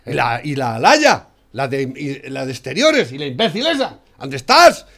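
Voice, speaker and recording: A man from Spain ranting furiously about politics, swearing and shouting insults. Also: medium pitch, sing-song, moderate pace. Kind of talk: profane political rant.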